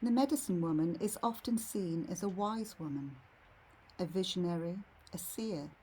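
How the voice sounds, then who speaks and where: A woman leading a guided meditation in a serene, soothing, soft and slightly husky voice. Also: fairly low pitch, slight background noise. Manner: serene, unhurried, soothing delivery.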